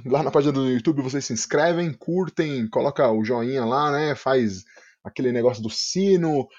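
Effusive Brazilian man hosting, slightly husky. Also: mid-range voice, darkish tone, dull audio. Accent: Brazilian Portuguese. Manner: effusive, hyperbolic, slangy. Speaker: podcast host. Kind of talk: casual podcast hosting and interviewing.

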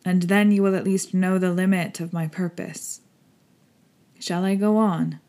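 A woman's voice: lowish voice, fairly even intonation, measured pace, warm tone. A grave old professor, played by a woman narrator, stern but compassionate. He speaks formally and earnestly, with the solemn manner of an audiobook drama. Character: grave, pitying elderly male professor, stern yet kind. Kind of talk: audiobook character acting.

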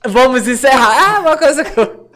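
A woman's voice: sits high, lively intonation, moderate pace, fairly bright tone. A young woman hosting a podcast in casual chat, frank and laughing often. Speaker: podcast host.

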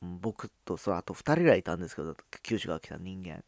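A man with a Hakata accent talks casually on his own, stopping often on filler sounds. His voice sits low and has a gravelly, fried edge. The sound is dry, with no room echo. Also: animated, a little mellow. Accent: Hakata dialect. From Fukuoka, Japan. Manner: halting, with frequent "um" fillers and drawn-out phrase endings. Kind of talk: casual spoken monologue.

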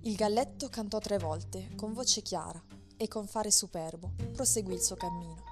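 A woman narrating a fairy tale in an even, expressive read-aloud manner. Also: mid-range voice, moderate pace. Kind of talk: storybook narration. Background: soft music.

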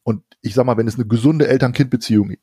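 A middle-aged man in casual chat, agreeable and quick to affirm, who reads out items from a list. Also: mid-range voice, mellow, slightly rough, dry recording, clean studio sound.

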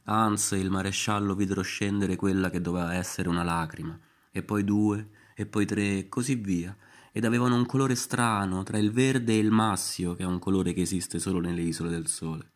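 Low-voiced wry male storyteller. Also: steady tone, normal speed. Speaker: narrator. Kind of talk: storybook narration.

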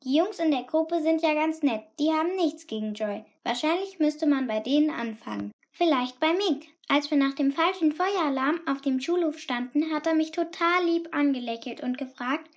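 A woman's voice: high-pitched, normal speed, hardly any pauses. A woman reading a first-person story aloud in a chatty, confiding way. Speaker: audiobook narrator. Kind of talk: scripted first-person narration.

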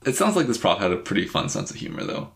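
A man's voice: deep voice, big pitch swings, fast, vocal fry, fairly bright tone. A man co-hosting a casual chat, joking a lot and laughing often, with many "like" fillers. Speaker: podcast co-host.

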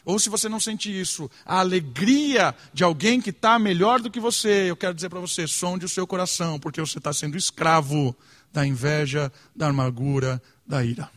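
A man delivers an earnest sermon. He leans on rhetorical questions and moves between soft, searching phrases and pointed emphasis. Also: on the high side, moderate pace. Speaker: preacher.

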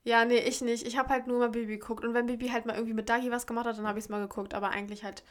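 A young woman in casual chat, animated and slangy, laughing often. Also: on the high side, rapid-fire.

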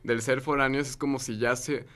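A man's voice: mid-range voice, fairly even intonation, normal speed, a bit bright. Reflective teacher guest, man. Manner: reflective, explaining, frequent "¿no?". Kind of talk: casual panel chat.

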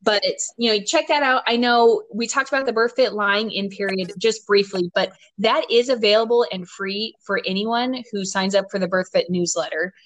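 A woman's voice: medium pitch, moderate pace, hardly any pauses, a bit bright, dry recording. A woman hosting a podcast, chatting casually, with a talkative manner, frequent laughs and many "you know" fillers. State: ten months postpartum. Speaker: podcast host and doctor.

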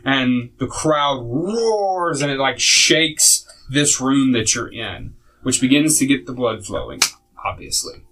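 A man's voice: medium pitch, lively intonation, slow pace, sharp tone, rough recording. A man narrating a tabletop game as game master, casual and rambling, with many fillers and small laughs.

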